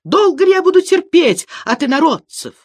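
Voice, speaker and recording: A woman voicing a tiny, pompous male official who squeals and protests in a shrill voice. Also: huge pitch swings, takes it slowly, sharp tone, no room sound, clean studio sound, full character voice. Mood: wailing.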